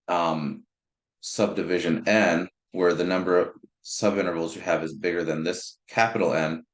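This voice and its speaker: A young man teaching a math class in an informal way, often restarting words and thinking aloud. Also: sits low. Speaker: math instructor. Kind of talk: recorded lecture. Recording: roomy echo.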